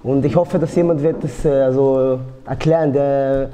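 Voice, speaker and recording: A man's voice: medium pitch, fairly even intonation, normal speed, dark tone, in a large hall, slight background noise. A man beginning to tell his life story to an audience, hesitant and apologetic, with many fillers. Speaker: guest speaker telling his life story.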